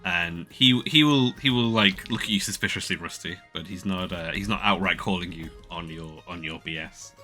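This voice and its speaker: A man running a tabletop game as game master, chatty and halting, laughing often. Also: sits low, pushed and bright, faint music behind.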